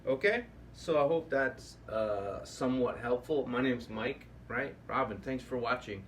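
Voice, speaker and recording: Animated yet unhurried, the mid-range male voice belongs to a puppetry workshop host who improvises his way through the session, rambling while he thinks. Faint room noise surrounds the distant microphone.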